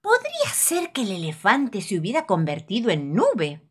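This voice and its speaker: An eager storybook pig , as a woman puts him on, bursting with ideas in an excited rush. His voice rides high above her own, with big lively leaps. He comes across loud and bright. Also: normal speed, slightly rough. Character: eager imaginative male pig student.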